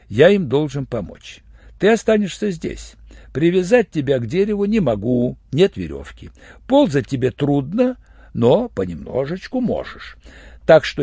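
A man's voice: fairly high pitch, slightly rough, no room sound, clean studio sound, exaggerated voice. A man voicing a vengeful, contemptuous man who interrogates a captive with harsh insults. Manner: scornful, harsh, shouting insults. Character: vengeful hard male avenger, cold and contemptuous.

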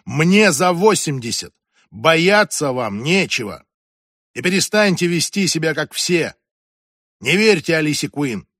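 A woman's voice: sits low, lively intonation, normal speed, dry recording, clean studio sound, pitched above the performer's own voice. A man reading an audiobook and voicing a strict, imperious ex-senator in her eighties who talks in a commanding, impatient way. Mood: irritated. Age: 80s. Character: strict imperious old woman, former senator.

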